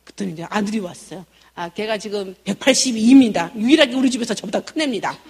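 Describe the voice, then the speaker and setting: A woman's voice: medium pitch, fast, husky. A middle-aged woman giving a church parenting seminar, telling family stories expressively and acting out the dialogue. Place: church hall. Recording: echoey church hall.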